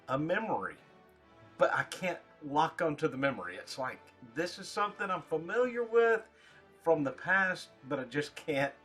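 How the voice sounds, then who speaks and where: Man giving a halting, casual review. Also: fairly high pitch, fairly bright tone, slightly rough. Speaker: pipe tobacco reviewer. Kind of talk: casual spoken product review.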